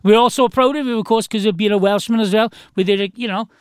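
A man's voice: high voice, fairly even intonation, fast, clean tone, no echo, studio quality. A man from the South Wales Valleys with a local accent, hosting a casual interview in an effusive, matey, rambling way. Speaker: radio host, interviewer.

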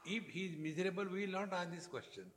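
A man's voice: sits high, expressive, fairly bright tone. Indian-accented man giving an emphatic spiritual discourse. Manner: deliberate, emphatic short phrases with pauses. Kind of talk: spiritual discourse with Sanskrit verse.

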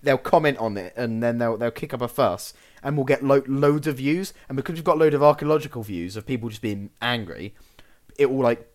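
Male co-host, eager and chatty, laughs a lot, mid-range voice. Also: medium pitch. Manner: excitable, laughs often, trailing restarts. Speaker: podcast co-host, archaeologist. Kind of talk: casual chat.

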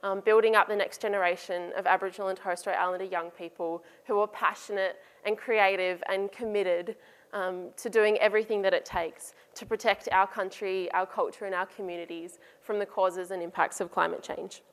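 A woman in her early twenties with an Australian accent, giving an earnest, measured public speech. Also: medium pitch, steady tone. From north coast of New South Wales, Australia. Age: early 20s. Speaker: youth climate campaigner and speaker. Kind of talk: public speech to a live audience. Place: large room in front of an audience. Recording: hall reverb.

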